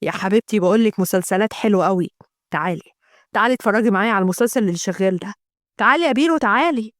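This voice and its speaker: A woman's voice: mid-range voice, animated, very fast, dry recording, clean studio sound, voice pushed down, lightly acted. A woman voicing an easygoing husband with an Egyptian accent, talking in a coaxing, laid-back way. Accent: Egyptian Arabic. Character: easygoing husband who loves TV serials.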